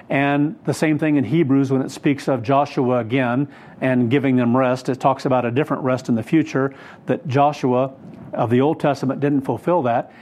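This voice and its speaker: With a mid-range, slightly mellow voice, a man gives unscripted Bible teaching. He rambles earnestly through scripture and frequently stops to correct himself partway through sentences.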